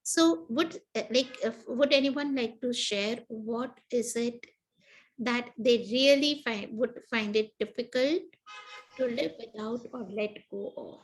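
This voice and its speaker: Soft-spoken woman leading a clearing session. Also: on the high side, rough recording. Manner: repetitive, trailing off into soft murmured phrases. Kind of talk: guided clearing session with repeated incantations.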